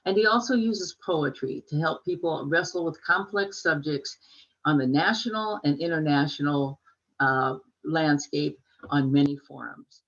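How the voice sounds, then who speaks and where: A woman's voice: sits low, fairly bright tone. Older woman on a dull lo-fi call. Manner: gracious, measured, with small restarts. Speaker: poet and co-host. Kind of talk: introductions at a poetry reading.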